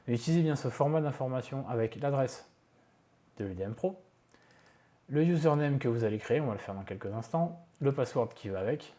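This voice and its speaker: A man's voice: mid-range voice, animated, brisk, mellow. A man talking through a casual screen-recorded tech tutorial from his home office, chatty and self-mocking, with many fillers and asides. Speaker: tech video creator.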